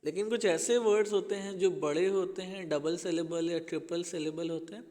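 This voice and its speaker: High-voiced man teaching English grammar. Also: steady tone, moderate pace, mellow, long reverb tail. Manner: explains patiently, addresses pupils as children. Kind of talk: classroom grammar lesson.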